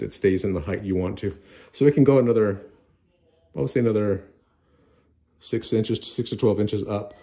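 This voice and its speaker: A man's voice: fairly low pitch, dark tone. A middle-aged man casually reviewing a product at home, rambling with many restarts and repeated words, recorded on a handheld phone. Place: home practice room. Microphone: handheld phone camera.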